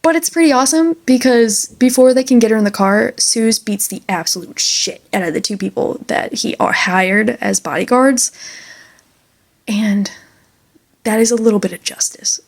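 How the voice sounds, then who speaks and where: Chatty woman with a gravelly, fry-tinged voice. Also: on the high side, moderate pace. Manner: chatty, enthusiastic, many fillers. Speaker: book reviewer. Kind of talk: casual book review vlog.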